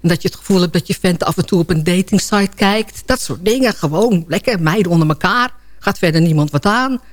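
A woman's voice: fairly low pitch, brisk. A woman delivering a comic radio column in a sardonic, chatty storytelling manner.

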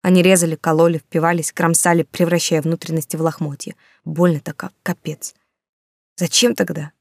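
Low-voiced woman narrating a novel. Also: flat delivery, brisk, a little mellow, no echo, clean studio sound. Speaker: audiobook narrator. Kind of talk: scripted first-person narration.

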